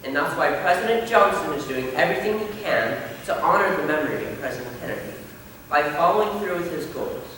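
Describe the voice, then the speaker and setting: A young man playing an earnest male high school senior, giving a solemn, rousing stage speech. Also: expressive, brisk, fairly bright tone. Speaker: student actor. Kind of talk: stage play speech to a class. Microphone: distant room mic. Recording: echoey hall from far off, noisy.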